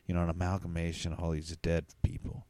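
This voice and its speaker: A man hosting a casual comedic chat, telling rambling deadpan tall tales with lots of fillers. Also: sits low, fast talker, no echo.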